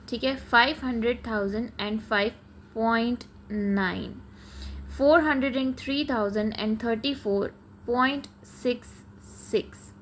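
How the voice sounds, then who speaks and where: A fairly high, slightly bright female voice, with a little hiss or hum in the background, belongs to a Pakistani-accented woman teaching math. While writing on the board she explains patiently, repeats things, and mixes Urdu-Hindi with English vocabulary.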